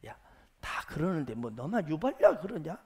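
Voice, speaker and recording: A man's voice: on the high side, very animated, moderate pace, husky, voice pushed down, exaggerated voice. A man playing a sly, sweet-talking devil. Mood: coaxing. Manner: soft, persuasive, whispering. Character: sly coaxing male devil tempter, friendly and sweet.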